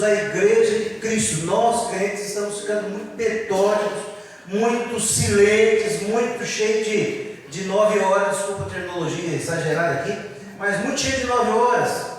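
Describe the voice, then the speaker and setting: A man's voice: sits high, a little hiss or hum. A man with a Brazilian Portuguese accent preaching a sermon as pastor, leading his congregation in call and response. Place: large church hall. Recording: echoey church hall, distant mic.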